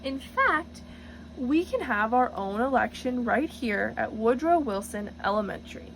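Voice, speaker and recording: Woman reading as animated, encouraging lady schoolteacher. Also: fairly high pitch, unhurried, gravelly, slight background noise, exaggerated voice, poor audio. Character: encouraging female schoolteacher in a storybook.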